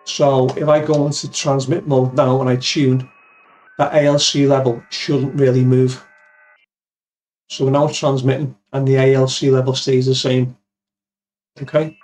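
Here the ham radio YouTuber, a man in his fifties, speaks a little slowly in a flat, darkish mid-range voice. It's a relaxed, no-frills software walkthrough with a demo, recorded close on a pop-filtered boom-arm studio mic in his cluttered little home office, and he addresses the audience as "guys."

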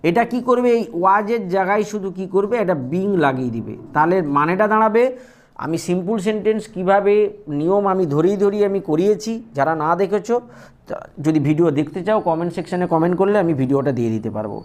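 A man teaching English grammar to students, reading English example sentences slowly and explaining them in Bengali, with a Bengali accent. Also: sits high, lively intonation.

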